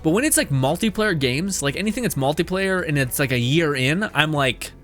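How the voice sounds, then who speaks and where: A young man streaming live and chatting casually with his viewers. He talks loosely and swears a lot, laughs often, and sounds a bit hoarse. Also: a little high, lively intonation, a little fast, fairly bright tone, faint music behind. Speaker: game streamer. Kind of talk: casual livestream chat, reading chat aloud.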